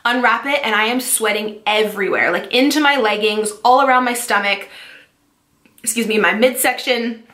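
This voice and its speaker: Fast, chatty fitness vlogger woman. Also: on the high side, bright, forceful tone, reverberant. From California. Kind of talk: casual product-review vlog.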